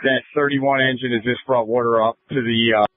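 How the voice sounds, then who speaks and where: A man giving measured, procedural firefighter status reports over a two-way radio. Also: mid-range voice, steady tone, a little hiss or hum. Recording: dry, narrowband fire radio transmission.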